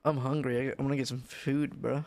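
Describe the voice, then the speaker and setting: Streamer guy wrapping up, loose and mumbly, dry livestream headset sound, mid-pitched. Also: flat delivery, fairly quick, a little mellow, no echo. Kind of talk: casual chat with viewers.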